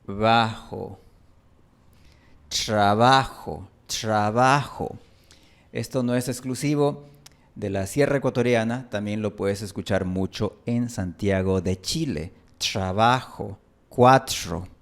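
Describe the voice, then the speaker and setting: Ecuadorian highland guy teaching spanish, lowish voice, goes super slow, repeats example words. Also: darkish tone. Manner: deliberate, spells out and repeats sample words. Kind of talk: explanatory language lesson.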